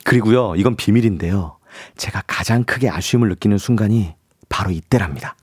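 A man's voice: on the low side, fairly quick, husky, dry recording, studio quality. A man co-hosting a casual radio show who reads listener messages aloud and chats easily. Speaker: voice actor co-host.

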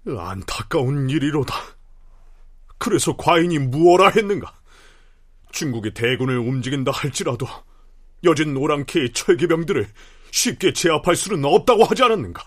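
A man's voice: on the high side, expressive, moderate pace. An actor playing a lamenting, self-justifying Korean king in a historical drama, with archaic regal speech. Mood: regretful, vindicated.

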